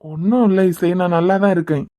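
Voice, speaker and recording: A young father in a cartoon, gentle and stubborn, is voiced by a performer with a Kanyakumari Tamil accent, who sounds hurt yet soothing and dismisses his injury. The delivery is brisk and natural in a mid-range voice, over heavy background noise.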